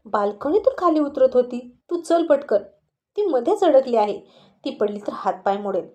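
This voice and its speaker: Woman reading as a worried middle-aged mother-in-law, anxious, urgent, fairly high voice. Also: sing-song, moderate pace, mellow.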